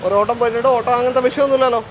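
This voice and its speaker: A man's voice: very high-pitched, fairly even intonation, rapid-fire, highs cut off. A man with a Kerala Malayali accent hosting an unscripted used-car showcase, mixing Malayalam with English words and repeating back details. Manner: repeats and confirms what he is told. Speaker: used-car video host. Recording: clearly noisy outdoor street-side sound.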